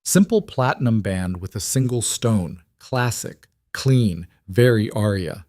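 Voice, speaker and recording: A man reads a scripted story in an even, measured way. His voice sits on the low side and the recording is dry and close. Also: dry recording. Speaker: narrator.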